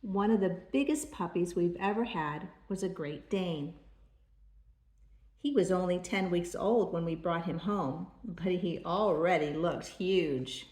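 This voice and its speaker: An older woman with a grandma voice, reading a children's storybook aloud in a measured storytelling way. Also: fairly low pitch, a little mellow, reverberant.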